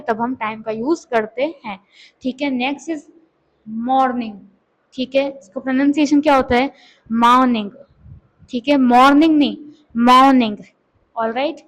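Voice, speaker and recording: A woman teaching English to beginners, explaining in Hindi and reading English lines slowly and carefully. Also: high voice, poor audio. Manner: repeats words and asks questions to the viewer. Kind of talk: lesson.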